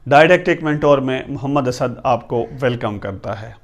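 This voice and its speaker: A man giving a pronunciation lesson, spelling out words letter by letter and repeating them in a calm explaining way. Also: mid-range voice, moderate pace. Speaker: English teacher.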